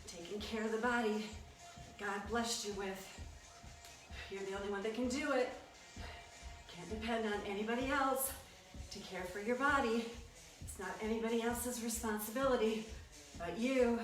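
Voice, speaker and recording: A woman's voice: on the high side, steady tone, moderate pace, long pauses. A woman leading a workout as an aerobics instructor, giving short encouraging cues and counts. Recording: echoey room, distant mic, music behind. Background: workout music.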